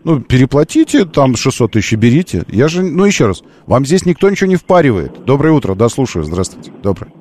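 A man's voice: mid-range voice, very animated, a little fast, few pauses, darkish tone. A man hosting a live call-in radio show, arguing insistently and repeating phrases for emphasis. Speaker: radio talk show host.

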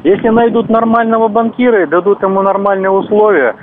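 A man's voice: sits high, fairly even intonation, fairly quick, slight background noise. A man speaking as a radio caller, giving his casual opinion on a phone-in show over a muffled phone line.

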